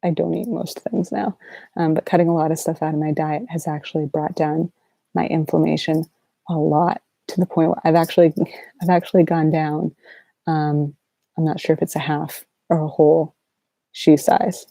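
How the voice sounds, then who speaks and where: A sleep-deprived woman chatting softly and casually as an ASMR livestream host, in a halting, low-energy, rambling way. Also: flat delivery, gravelly, no room sound. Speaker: ASMR artist hosting a livestream Q&A.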